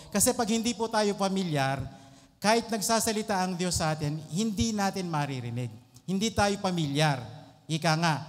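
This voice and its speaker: A man preaching a sermon in Tagalog and English, hesitant with filler words and frequent checks with the listeners. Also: high voice. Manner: hesitant, many ah fillers, asks okay often. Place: church hall. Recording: reverberant church hall.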